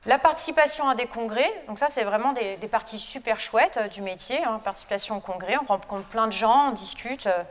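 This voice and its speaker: French woman giving a relaxed talk to students, lots of euh, kinda high voice, big hall echo. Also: brisk, hardly any pauses. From France. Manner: chatty, informal, frequent hesitations. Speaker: lecturer and researcher. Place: lecture hall.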